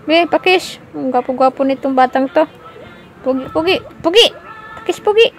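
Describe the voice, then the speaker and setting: A mother and vlogger with a high voice films at home, speaking at a normal speed. She chats casually to her viewers and breaks into playful baby talk with her child now and then.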